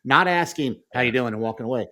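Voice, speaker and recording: A man's voice: medium pitch, fast. A middle-aged man co-hosting a podcast, telling stories in a casual chat and acting out quoted dialogue. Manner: animated storytelling, acts out quoted dialogue. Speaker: podcast co-host.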